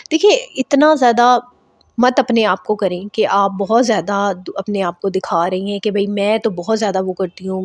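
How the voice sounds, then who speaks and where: A woman's voice: fairly high pitch, a little mellow, dry recording. A woman vlogger giving casual advice to camera, chatty and repetitive, dropping in English words. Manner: chatty, repeats herself, mixes in English words.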